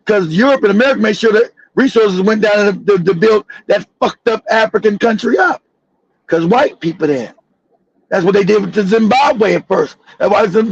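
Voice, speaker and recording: A man's voice: sits high, husky, no echo, muffled recording. A man hosting a livestream talk show, delivering fiery, profane, repetitive commentary. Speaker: show host.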